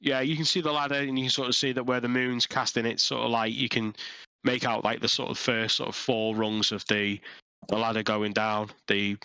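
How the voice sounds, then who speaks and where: A man running a tabletop game as dungeon master, narrating haltingly with many fillers and restarts over a headset. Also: medium pitch, level tone, vocal fry, sharp tone, clean tone, no echo.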